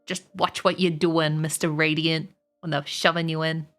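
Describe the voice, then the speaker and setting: A woman reading aloud and voicing a fussy, talkative male rat in a slow, complaining manner. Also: low voice, flat delivery, a bit bright, soft background music.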